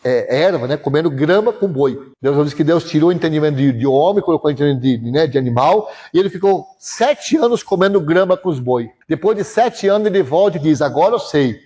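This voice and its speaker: Pastor guy preaching, kinda high husky voice, tells stories and does the voices. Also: lively intonation, fast, few pauses, mellow. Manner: storytelling preacher, voices God and himself in quotes. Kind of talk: sermon.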